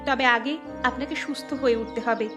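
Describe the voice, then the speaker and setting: A woman's voice: a little high, steady tone, a little fast, fairly bright tone, soft background music, natural voice. A woman voicing an earnest, caring young village woman in a cartoon, with a respectful manner. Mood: indignant, resolute. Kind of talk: cartoon voice acting.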